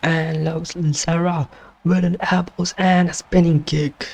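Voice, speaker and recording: A man doing play-by-play commentary on a wrestling video game, excitable and exclaiming at surprises, his voice strained and going hoarse. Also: fairly high pitch, slow. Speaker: gaming channel host doing commentary.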